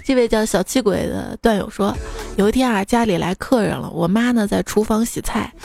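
A woman host reads out funny stories sent in by listeners, teasing and playful as she tells them in a casual, comic way. Her mid-range voice is brisk and creaky with a slightly mellow quality, and music plays beneath her speech.

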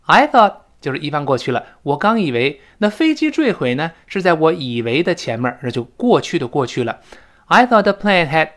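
A male English teacher speaks, his pitch sitting a little high and swinging widely as he explains. He breaks English phrases into slow, repeated drills, and sometimes acts out a quoted line in an excited voice. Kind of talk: spoken English lesson.

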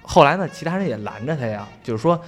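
Man, rapid casual storytelling, salty language, chuckling, mid pitch, soft music behind. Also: expressive. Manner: swears casually, laughs through the story.

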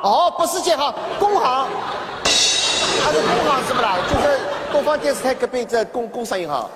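A shrill, sly old Shanghai grandmother, as a man puts her on in a stage comedy sketch, with a Shanghai accent. She mocks and plays dumb in a very high voice that swoops widely. A long hall echo and an audience sit behind her. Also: lively intonation, moderate pace, loud music behind the voice, over a noisy crowd. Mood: mocking. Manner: mocking, feigns confusion, teases. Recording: reverberant hall with audience and noise.

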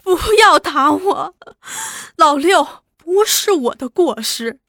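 A woman's voice: high voice, animated, slow, fairly bright tone, no echo, clean studio sound, pitched above the performer's own voice, heavily acted. A woman voicing a wronged wife who pleads through sobs in a storybook reading. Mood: sobbing plea. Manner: sobbing, pleading speech.

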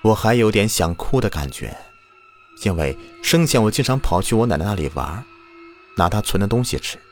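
A man's voice: fairly low pitch, big pitch swings, moderate pace. A man hosting a ghost story program, narrating a submitted story dramatically. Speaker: storyteller host. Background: faint background music.

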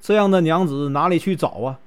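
A man doing a smooth flirtatious rich gentleman. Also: fairly high pitch, brisk, close to an everyday voice. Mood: flattering. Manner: ingratiating, flattering.

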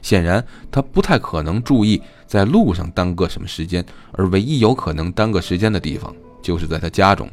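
A man voicing a sharp, probing young woman in an audiobook, questioning pointedly. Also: low voice, lively intonation, brisk, hardly any pauses, soft background music.

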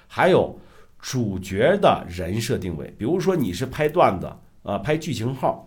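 Middle-aged male host, casual lecture, animated rising and falling delivery, conversational. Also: on the low side. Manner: lively, emphatic, rhetorical questions. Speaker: self-media coach, show host. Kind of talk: casual talk-show lecture.

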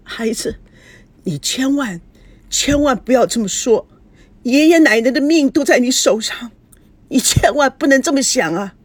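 A woman's voice: high-pitched, expressive, normal speed, no room sound, voice pushed up. A woman voicing a grieving elderly grandmother who speaks tearfully with a quavering voice in a storybook reading. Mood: tender pleading.

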